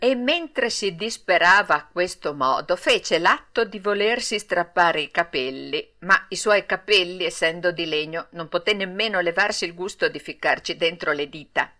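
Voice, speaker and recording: A woman narrating a classic children's story in a measured, expressive reading. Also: on the low side. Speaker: audiobook narrator.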